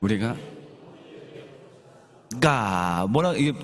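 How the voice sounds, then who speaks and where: A man's voice: on the low side, lively intonation, slow. A male pastor preaching a sermon in a conversational, storytelling way, often asking the congregation questions and leading them in reading scripture aloud together. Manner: questions the congregation and leads group Bible reading.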